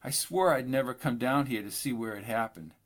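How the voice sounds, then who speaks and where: Kindly older lady, smooth and gentle, read by a male narrator, for an audiobook. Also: mid-range voice, a little fast, close to an everyday voice. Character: kind older woman tourist with a smooth voice.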